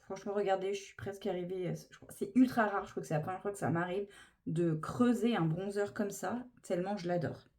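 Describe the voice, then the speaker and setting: A woman's voice: medium pitch, brisk, darkish tone. A woman chatting casually through a makeup tutorial, gushing with enthusiasm over each product. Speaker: beauty vlogger.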